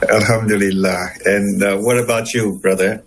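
A man hosting an interview, speaking haltingly with many fillers and restarts. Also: fairly low pitch, steady tone, a little hiss or hum, rough recording. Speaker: host.

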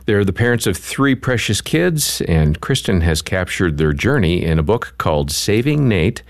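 A man's voice: sits low, big pitch swings, normal speed, no echo, studio quality. A man co-hosting a radio show, reading the guest introductions in an announcer's manner.

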